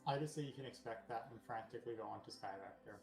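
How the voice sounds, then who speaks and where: A man of average pitch banters casually and quickly. The sound is roomy, with faint music in the background. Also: creaky. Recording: roomy voice chat mic.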